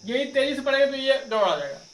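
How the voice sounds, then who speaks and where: Male teacher, high voice, echoey classroom heard from a distance, drilling spelling and pronunciation. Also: sing-song, fast, fairly bright tone. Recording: echoey room, mic far off, faint noise.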